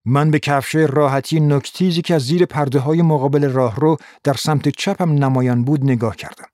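A man reading a first-person noir novel as scripted audiobook narration in a steady, measured way. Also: on the high side, no room sound, studio quality.

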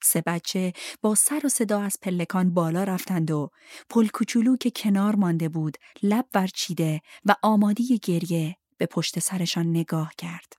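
A woman narrating a novel aloud in a steady storytelling manner. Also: fairly low pitch, no room sound, clean studio sound. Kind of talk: audiobook narration.

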